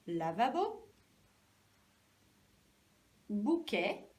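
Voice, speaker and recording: A woman teacher giving a lesson to young children, speaking slowly and clearly, stretching out syllables and encouraging them. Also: medium pitch, big pitch swings, a little mellow, recorded from a distance.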